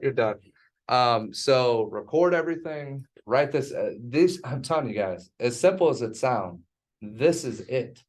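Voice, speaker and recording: A man's voice: mid-range voice, expressive, unhurried. A man teaching a real estate sales class in an emphatic, teasing way.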